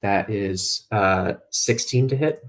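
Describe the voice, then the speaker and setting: Low-voiced man running a game, lots of ums. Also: takes it slowly. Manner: hesitant, many ums and uhs. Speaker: game master. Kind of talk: running a tabletop game online.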